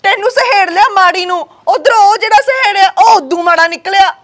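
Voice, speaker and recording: A woman's voice: very high voice, brisk, a bit bright. A woman playing a sobbing, quarrelsome married sister. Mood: tearful. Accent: Punjabi. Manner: wailing, quarrelsome. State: crying. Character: tearful married sister fighting her sister-in-law. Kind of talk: Punjabi web-series acting.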